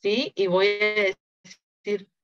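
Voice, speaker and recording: A woman's voice: medium pitch, completely flat delivery, fairly bright tone, no echo, muffled recording, soft background music. A woman teacher giving an online class, patiently demonstrating and often checking in with her listeners. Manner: patient, repeats words slowly and checks in with "¿no?". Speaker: teacher trainer.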